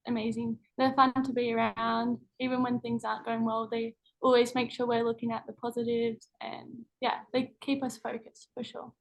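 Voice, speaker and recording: A woman's voice: a little high, flat delivery, normal speed, few pauses, poor audio. A young woman giving casual interview answers as a college athlete on a video call. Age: young adult. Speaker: college basketball player. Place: indoor team room, video call.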